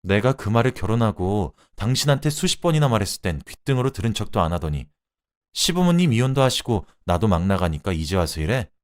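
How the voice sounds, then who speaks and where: A man voicing an angry young wife who scolds and shouts, in a radio drama reading. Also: on the low side, sing-song, fairly quick. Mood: defiant. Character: fed-up young wife, fierce and sharp-tongued.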